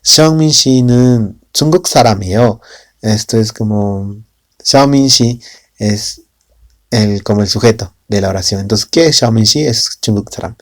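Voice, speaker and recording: Latin american spanish guy teaching, low gravelly voice, keeps asking "right?". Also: moderate pace, no room sound, studio quality. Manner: explains with many fillers and tag questions. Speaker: Korean language teacher. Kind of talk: casual lesson explanation.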